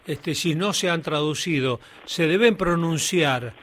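A man's voice: a little high, measured pace, fairly bright tone. A man with an Argentine accent hosting a radio interview, talking in a loose way with lots of fillers. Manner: conversational, filler-heavy with "este". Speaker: radio host.

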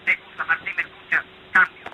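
A man's voice: on the high side, little pitch movement, brisk, pushed and bright, a little hiss or hum. A man dispatching urgent orders over a two-way police radio, commanding and spelling words out letter by letter. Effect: two-way police radio transmission.

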